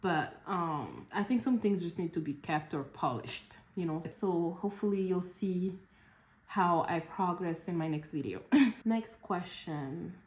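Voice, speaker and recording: A young woman from Cameroon answering questions in a relaxed, chatty vlog, laughing between answers. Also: on the low side, measured pace, roomy sound. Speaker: vlogger. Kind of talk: casual Q&A vlog.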